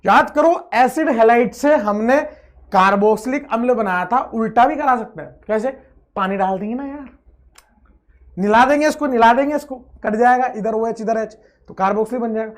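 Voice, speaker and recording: A man teaching a chemistry lecture with energy and playfulness. He stretches out words, chants repeated phrases, and swings between loud outbursts and quiet asides. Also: extremely high pitch, a little fast. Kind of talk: online exam-prep lecture.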